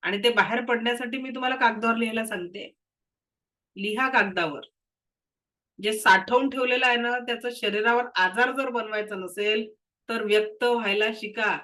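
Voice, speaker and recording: A woman's voice: fairly high pitch, moderate pace, pushed and bright, poor audio. Woman with a cold teaching reiki. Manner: explains patiently, tells case stories. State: has a cold and cough. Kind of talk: spoken lesson to students.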